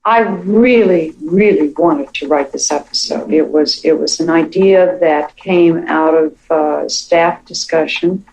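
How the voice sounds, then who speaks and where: A woman being interviewed as a writer lays out her reasoning in a thoughtful, measured, reflective way. Her low, darkish voice carries audible fry, and the rough recording has slight background noise.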